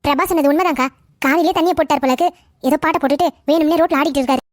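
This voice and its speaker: A woman's voice: high voice, rapid-fire, dry recording, clean studio sound, pitched below the performer's own voice, close to an everyday voice. A woman voicing an anxious, hesitant neighbor woman in a cartoon family drama, who stammers and pleads.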